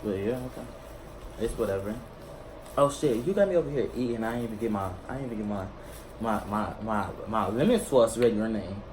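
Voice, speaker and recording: A man's voice: fairly low pitch, a little fast. A man hosting a casual seafood mukbang vlog, playful and chatty, often repeating himself and trailing off. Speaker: vlogger host. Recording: noisy background.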